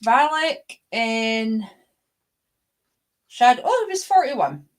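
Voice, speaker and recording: A Scottish woman with a fairly high voice and big pitch swings speaks slowly. She hosts a live readalong, chatting casually and fannishly about books and letting the odd swear word slip.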